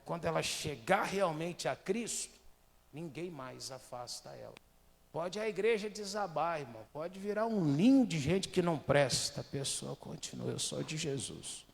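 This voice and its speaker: A man's voice: fairly high pitch, creaky. A man with a Brazilian Portuguese accent, a pastor giving a live church sermon. He preaches in a conversational way and keeps asking the congregation rhetorical questions. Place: church sanctuary. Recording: long hall reverb.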